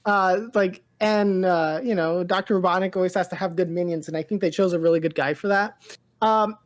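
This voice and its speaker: A podcast co-host with a lowish, steady voice talks fairly quickly about movies on a pop culture show. She chats casually and rambles, often repeating words and interrupting herself.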